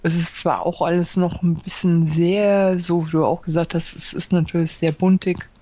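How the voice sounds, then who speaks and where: A woman's voice: on the low side, steady tone, moderate pace, dark tone, no echo. A woman chatting casually as a podcast co-host, hesitant and full of fillers and restarts. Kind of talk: casual wrestling chat. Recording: dull, dry lo-fi sound.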